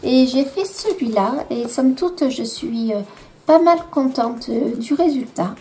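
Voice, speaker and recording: Une femme à l'accent français présente ses livres de coloriage chez elle, sur un ton détendu, avec beaucoup d'hésitations et des « euh » fréquents. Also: female voice, high voice, animated, a little slow, mellow. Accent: French. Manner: hesitant, many fillers, self-deprecating. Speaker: vlogger showing her coloring books. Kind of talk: casual show-and-tell.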